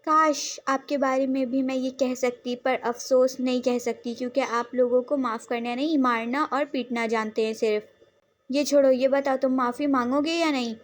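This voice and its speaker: A woman's voice: high voice, fairly even intonation, moderate pace, natural voice. Faryal, a woman voicing a fiery scolding young woman. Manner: scolding, demanding answers. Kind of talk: storybook role reading.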